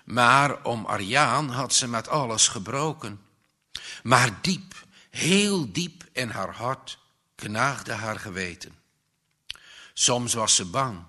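A man narrates a story at an unhurried, measured pace. His voice is very bright and his reading even. It suits an audiobook. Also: mid-range voice.

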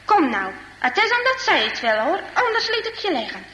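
A gruff, short-tempered old grandfather scolds and grumbles through a storybook tale, voiced by a woman reading aloud. The voice rides high and bright, swinging up and down, and rings with a long hall echo over faint background noise. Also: big pitch swings, moderate pace, exaggerated voice.

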